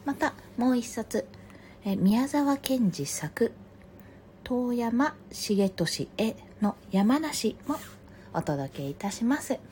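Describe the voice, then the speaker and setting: A woman hosting a morning live stream, speaking softly and very politely and reading picture books aloud. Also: on the high side, animated, slow pace, a little hiss or hum. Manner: soft, very polite, gentle.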